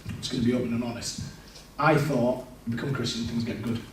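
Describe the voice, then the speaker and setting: A young church speaker talks fast in a steady, mid-range voice, giving a candid testimony that pokes fun at himself and keeps restarting. The echoey church hall is captured by a distant mic, with a little hiss or hum.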